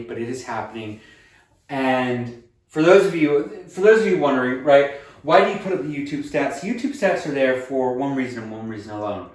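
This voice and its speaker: A man in his late twenties from the USA, his voice fairly high and picked up from a distance, chats earnestly in a casual weight-loss vlog. He sounds upbeat and keeps encouraging himself, using fillers and restarting sentences. The room is echoey, and at times he drifts off-mic.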